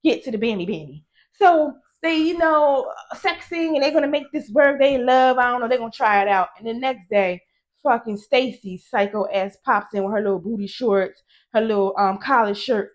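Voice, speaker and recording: A middle-aged woman giving a casual, profane movie recap, animated and laughing often. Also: medium pitch. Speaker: movie reviewer.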